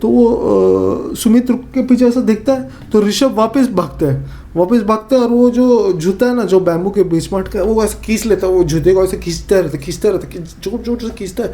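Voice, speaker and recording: A horror story comes from a man with a Northeast Indian accent whose voice sits high and moves fairly quickly. He tells it casually and animatedly, acting out his friends' words with lots of fillers and repeats.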